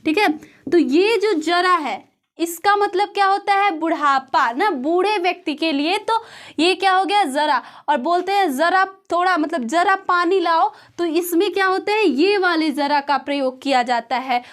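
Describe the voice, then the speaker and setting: High-voiced woman teaching Hindi grammar. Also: normal speed, fairly bright tone. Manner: explains step by step, asks and answers her own questions.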